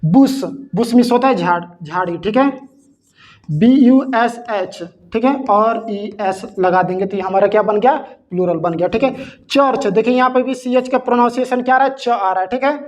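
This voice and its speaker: A man's voice: sits high, a little fast. Man teaching grammar. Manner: checks in with repeated rhetorical questions, spells words letter by letter. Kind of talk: classroom-style grammar lesson.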